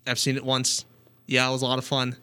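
A man's voice: mid-range voice, monotone, quick pace, bright, forceful tone, clean tone. A man hosting a sports podcast, moving the talk from game to game and teasing his co-hosts. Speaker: podcast host.

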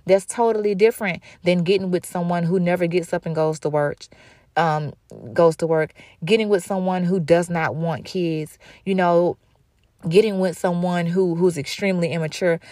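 A woman's voice: fairly low pitch, fairly even intonation, normal speed, dark tone, no room sound, clean studio sound. A woman in her thirties hosting her own talk show, speaking candidly and emphatically, often repeating phrases for stress. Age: 30s. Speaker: show host. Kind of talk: casual monologue.

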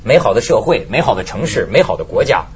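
A man's voice: fairly low pitch, very animated, fast, breathy edge. A man hosting a talk show in casual chat, telling stories animatedly and laughing often. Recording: slightly muffled broadcast audio.

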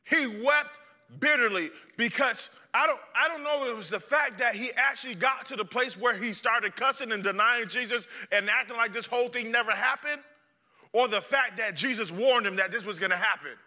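A man's voice: very high-pitched, moderate pace, pushed and bright, in a large hall. A male preacher giving a dramatic, impassioned sermon and acting out the story.

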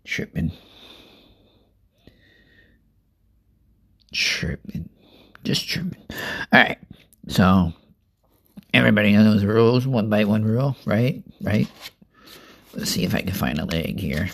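A man's voice: fairly low pitch, normal speed, creaky. A young man rambling casually through a food review vlog, chatting and eating as he talks. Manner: rambling, chatty, eats while talking. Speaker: vlogger.

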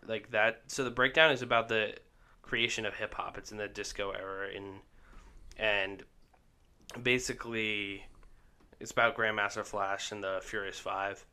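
A man co-hosting a casual podcast chat, rambling and halting with many fillers and restarts. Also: on the low side, pushed and bright, clean tone. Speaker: podcast co-host. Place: indoor basement room.

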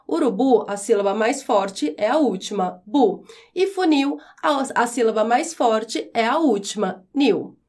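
A woman with a high voice gives a podcast language lesson. She explains patiently and spells out syllables one at a time. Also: animated, darkish tone. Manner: slow, clear, syllable-by-syllable explanations. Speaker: Portuguese teacher.

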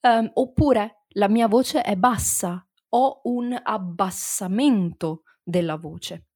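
A woman teaching a language lesson, her voice still slightly hoarse from the flu, talking slowly and repeating words for learners. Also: medium pitch, a little mellow, no echo, studio quality. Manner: slow and deliberate, repeats and conjugates words for learners. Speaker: language teacher and podcast host.

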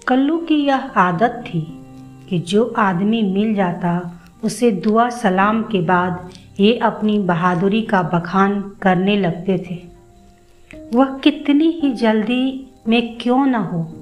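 A woman narrating a children's story in a slow, measured storytelling manner. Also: medium pitch. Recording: soft background music.

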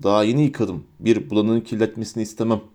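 A man plays a spiteful teenage schoolboy bully from a storybook who sneers and taunts with every line. The voice is mellow and dark rather than bright. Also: lowish voice, little pitch movement, fast talker, lightly acted. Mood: sneering. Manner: mocking and taunting.

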